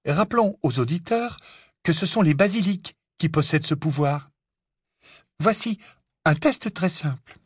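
A man's voice: fairly high pitch, slightly rough, no room sound, studio quality. Man doing a mock-serious young joker radio presenter. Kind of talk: audiobook character voice.

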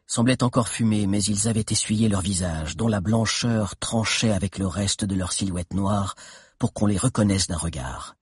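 A man reading a children's adventure novel aloud in a steady, dramatic narration with tense pauses. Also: fairly low pitch, slightly rough, no echo, clean studio sound. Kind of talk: audiobook narration.

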